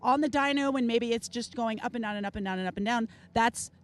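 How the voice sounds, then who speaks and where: A woman hosting a live show, chatting casually and enthusiastically with guests at an outdoor rally event. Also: fast talker. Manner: chatty, enthusiastic, acts out quotes with big pitch jumps. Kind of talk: casual on-site interview.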